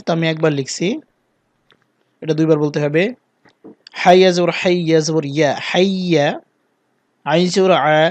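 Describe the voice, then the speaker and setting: A man teaching the call to prayer, spelling out each word and reciting phrases in a slow, drawn-out chant between plain explanations. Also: on the high side, darkish tone, dry recording.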